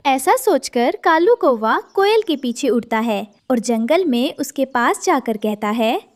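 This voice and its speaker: A woman's voice: high voice, animated, unhurried, no room sound. A woman narrating a scripted children's cartoon story.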